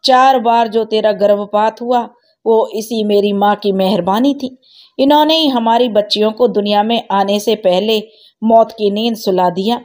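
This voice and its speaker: A woman storyteller voicing a furious, grieving young husband who shouts accusations at his mother. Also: mid-range voice, natural voice. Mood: anguished. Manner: shouting, accusing, fast bursts.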